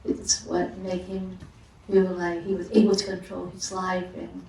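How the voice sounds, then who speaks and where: Buddhist nun teaching in an echoey hall. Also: female voice, fairly low pitch, completely flat delivery, gravelly, darkish tone, slight background noise. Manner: halting, with frequent fillers and restarts. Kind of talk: dharma talk. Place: monastery hall during a retreat. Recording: echoey room from a distant mic.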